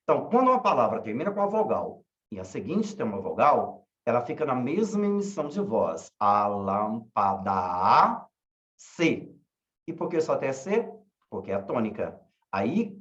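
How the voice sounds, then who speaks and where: A man teaching a class, asking questions slowly and repeating key words. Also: mid-range voice. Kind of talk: online class lecture. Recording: echoey room, dull lo-fi sound.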